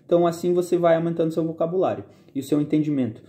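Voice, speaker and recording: Young man with a very mellow voice. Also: fairly high pitch, racing. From southern Brazil. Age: 20s. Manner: chatty, often checks in with listeners. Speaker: university student sharing study tips. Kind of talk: casual how-to vlog.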